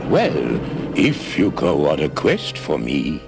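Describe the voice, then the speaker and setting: A man playing a shrewd old cartoon wizard with a drawn-out, knowing delivery. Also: rumbling low, huge pitch swings, vocal fry, music in the background, heavily acted. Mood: sly, assured. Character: old male wizard, shrewd, bargaining keeper of magic. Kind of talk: cartoon acting.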